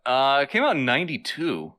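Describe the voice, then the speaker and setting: A man co-hosting a podcast, with a bright, forward tone. He talks in easy, casual chat, hesitating often and laughing easily. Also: mid-range voice, wildly swooping pitch, a little fast. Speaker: podcast co-host.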